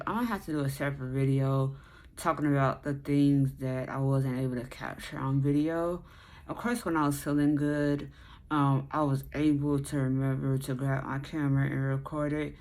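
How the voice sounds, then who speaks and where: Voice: mid-range voice, steady tone, normal speed, a little mellow. American vlogger talking with a stiff, sore jaw. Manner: restricted jaw movement from a sore jaw after surgery. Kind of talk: casual chatty recovery vlog.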